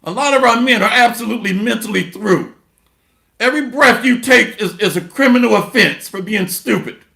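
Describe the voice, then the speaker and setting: A man's voice: sits high, moderate pace, vocal fry, bright, forceful tone, reverberant. A man preaching a blunt, mocking sermon with scripture readings and rhetorical call-outs.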